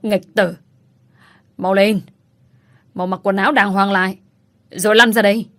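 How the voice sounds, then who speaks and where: A woman voicing a wealthy older patriarch who scolds and shouts in fury at his son. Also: medium pitch, fairly even intonation, measured pace, dry recording, natural voice. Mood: enraged.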